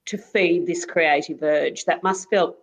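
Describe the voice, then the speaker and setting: A woman's voice: low-pitched, measured pace. Woman, interviewer, enthusiastic, encouraging, murmurs agreement. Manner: enthusiastic, encouraging, frequent back-channel murmurs. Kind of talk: interview talk.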